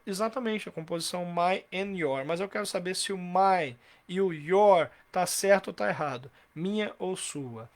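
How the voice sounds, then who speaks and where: A man teaching a live online English grammar class, patiently explaining with many rhetorical questions and slowly repeating example sentences. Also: high-pitched.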